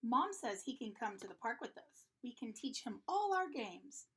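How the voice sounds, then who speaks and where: A woman's voice: fairly high pitch, very animated, normal speed, fairly bright tone, husky, heavily acted. A woman reading as an eager young boy shark. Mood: cheerful.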